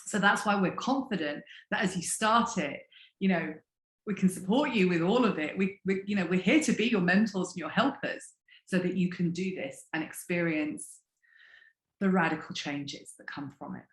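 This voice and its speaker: A woman wellness coach teaching in conversation, telling stories in an expressive, animated way. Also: fairly low pitch, normal speed, echoey room.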